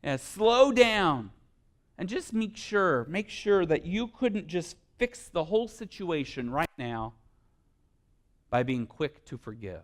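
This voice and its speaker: Male pastor, sermon delivery; bright-pitched and very expressive, acts out everyday scenes for the room. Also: takes it slowly. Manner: animated storytelling, acts out little scenes; asks the congregation questions.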